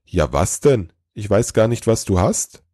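A man voicing a tired, kindly old Father Christmas who speaks slowly and gently. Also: fairly low pitch, sing-song, no echo, clean studio sound. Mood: gentle.

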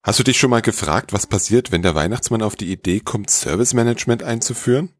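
Casting: low-voiced male podcaster, measured storybook narration, dry close sound. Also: no echo.

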